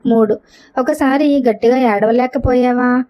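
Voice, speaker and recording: A woman's voice: fairly high pitch, fairly even intonation, a little slow, warm tone, lightly acted. A woman doing a teasing older brother. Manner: teasing, blunt. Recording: dull lo-fi recording.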